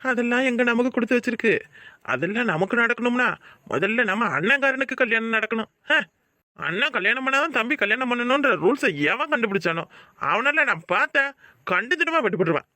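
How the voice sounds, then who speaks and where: A man's voice: very high voice, expressive, brisk, pushed and bright, no echo, full character voice. A man with a southern Tamil Nadu accent voicing a kind-hearted young bachelor who frets and mutters to himself. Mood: fretful. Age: young adult. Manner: talking to himself, fretful asides. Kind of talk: cartoon voice acting.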